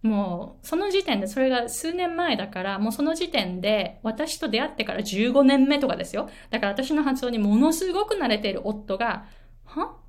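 Speaking a little fast with hardly any pauses, a middle-aged Japanese woman with a higher voice teaches English pronunciation in a casual video. She tells stories in an animated way and switches between Japanese and English.

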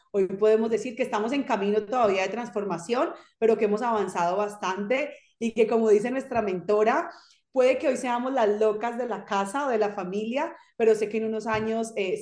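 A woman's voice: mid-range voice, darkish tone, echoey room. A Colombian woman with a Colombian accent, a podcast guest talking in a casual interview, upbeat, emphatic and reflective.

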